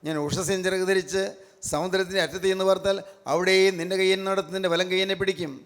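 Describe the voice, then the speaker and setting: A man's voice: sits high, flat delivery, quick pace, fairly bright tone, long reverb tail. A man with a Malayali accent preaching a sermon, repeating his points with emphasis and breaking into praise. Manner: repetitive, emphatic preaching with frequent praise phrases.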